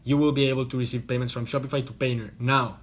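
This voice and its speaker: A young man from Costa Rica, talking to camera from a hotel room. His explaining is loose and chatty, full of restarts and repeated words, with a voice sitting at an ordinary middle pitch. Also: fairly even intonation, fast. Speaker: online business vlogger.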